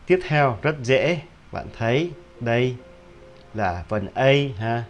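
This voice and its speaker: A man teaching English pronunciation, repeating each word several times and often stopping to check with a quick question. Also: mid-range voice, expressive, soft background music. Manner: drills words by repetition, with frequent rhetorical "hả?" checks. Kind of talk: video pronunciation lesson.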